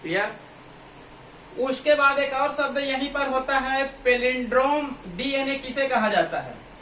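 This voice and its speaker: A man's voice: extremely high pitch, measured pace, a bit bright. A man teaching biology, who keeps asking questions and answering them himself. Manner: repetitive, asks and answers own questions. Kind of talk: classroom lecture at a board. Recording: echoey room, mic far off, faint hum.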